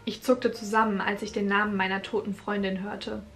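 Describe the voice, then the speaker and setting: A woman's voice: mid-range voice, flat delivery, brisk, fairly bright tone, soft background music. A young woman reading her own teenage crime story aloud and breaking off for sarcastic comments on the writing. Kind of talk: reading aloud with joking asides.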